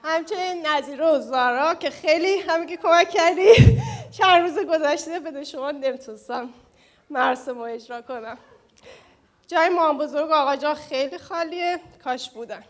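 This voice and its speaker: Quick-talking high-voiced bride. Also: female voice, expressive. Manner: quick, laughing, switches between English and Farsi. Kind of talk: wedding thank-you speech. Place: wedding reception hall.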